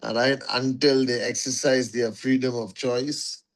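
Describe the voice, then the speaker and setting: A man's voice: mid-range voice, fairly even intonation, a little slow. A man hosting a casual livestream for his network marketing followers, greeting viewers one by one as warriors and repeating phrases for emphasis, on a phone mic.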